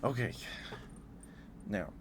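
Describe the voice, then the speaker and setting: On his ASMR livestream, this man speaks slowly, musing in a hesitant, rambling way and going over the same points again. Background noise is clearly audible behind his casual talk.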